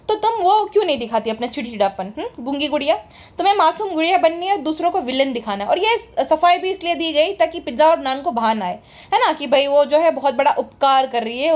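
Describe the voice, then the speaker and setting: High-voiced sarcastic woman commentator. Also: a little mellow. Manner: sarcastic, mocking, scolding. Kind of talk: gossip commentary vlog.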